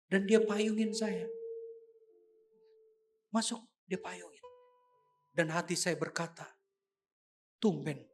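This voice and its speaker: A man preaching a sermon, telling a personal story with acted quotes and lively delivery. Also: sits high, takes it slowly, pauses often, soft background music. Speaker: pastor.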